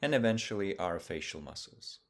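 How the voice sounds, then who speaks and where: A deep-voiced man teaches a guided meditation, speaking calmly and deliberately. He offers short phrases one at a time, leaving long pauses between each instruction.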